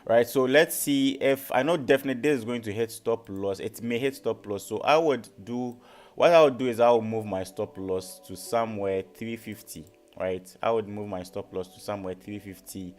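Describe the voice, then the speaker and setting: Fairly low-pitched and a little mellow, this Ghanaian man talks at normal speed with faint music behind him. He's a forex educator running a live trading lesson with market analysis, frequently repeating himself and checking on his audience.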